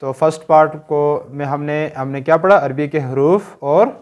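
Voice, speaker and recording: A man's voice: on the high side, moderate pace. A man with a Pakistani Urdu accent teaching Quran reading in a recorded lesson, patiently drilling short sounds one by one and checking that learners follow.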